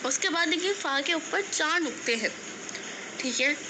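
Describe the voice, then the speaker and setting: A woman's voice: sits high, animated, normal speed, noisy background. A woman teaching a lesson, patiently repeating each sound and asking the viewer questions. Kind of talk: explaining an alphabet lesson.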